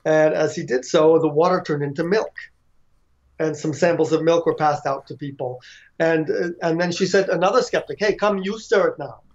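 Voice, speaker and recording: A man telling a long story in conversation, loose and relaxed, with frequent fillers and restarts. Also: a little high, normal speed, lo-fi sound. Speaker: author and devotee.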